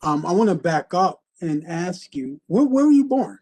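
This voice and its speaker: A man's voice: high voice, sing-song, normal speed, darkish tone. A man hosting an interview in a casual, chatty way, full of fillers and repeated starts. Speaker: host.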